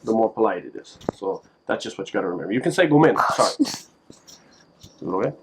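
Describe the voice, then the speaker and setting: A man giving a casual lesson on simple phrases, relaxed and joking, repeating each word so it can be drilled. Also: on the low side, fast talker, background noise. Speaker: language teacher. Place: Japan.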